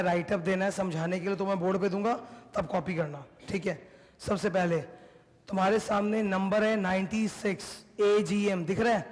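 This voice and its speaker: An Indian man teaching a class, emphatic and repetitive, mixing Hindi and English as he lectures. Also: high-pitched. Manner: mixes Hindi with English, emphatic, repeats points. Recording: long hall reverb.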